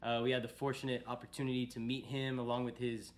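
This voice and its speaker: A man hosting a casual podcast. He is upbeat and quick to joke, and he talks in easy slang at a middle pitch. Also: level tone. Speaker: podcast host.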